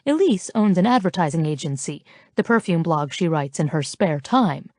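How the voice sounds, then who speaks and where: A woman's voice: fairly low pitch, very animated, normal speed, a little mellow, no room sound, clean studio sound. A woman reading a first-person romance novel aloud in a wry, conversational way. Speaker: audiobook narrator. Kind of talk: first-person audiobook narration.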